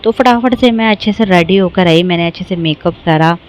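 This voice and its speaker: A young woman, a vlogger and mother, narrates her own family vlog in a casual, chatty voice-over, teasing herself as she animatedly tells the story. Her voice is on the low side and brisk, and the audio is poor.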